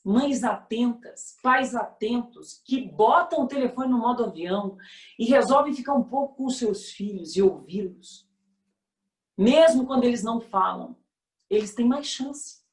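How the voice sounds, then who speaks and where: A woman's voice: mid-range voice, echoey room. A woman with a Brazilian Portuguese accent giving a motivational talk as guest speaker, telling stories expressively and acting out the voices of the people in them. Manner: expressive storyteller, acts out quoted voices.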